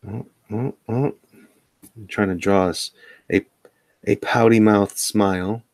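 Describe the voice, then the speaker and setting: Gravelly, low-voiced middle-aged New York man. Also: steady tone, slow pace, no echo. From the Bronx, New York. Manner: playful, rambling, repeats phrases, drifts into asides. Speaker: artist hosting a live drawing stream. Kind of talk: casual live-stream chat while drawing. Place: indoors at a tabletop.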